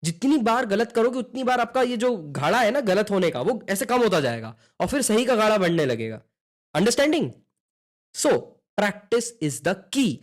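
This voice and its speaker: A man's voice: high-pitched, big pitch swings, unhurried. A young man teaching an online beginner language lesson, speaking in a motivational way and calling his students brother and guys.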